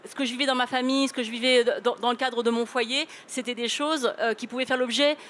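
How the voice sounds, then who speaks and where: A woman from France speaking as a panel guest, thoughtful and hesitant, often pausing with fillers and restarts. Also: on the high side, steady tone, a bit bright, slight background noise. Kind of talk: reflective panel discussion.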